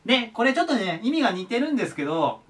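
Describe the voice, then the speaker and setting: A man giving a casual vocabulary lesson, friendly and polite, repeating each word slowly and clearly. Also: extremely high pitch, sing-song, fairly bright tone. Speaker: English teacher. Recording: voice a bit far from the mic.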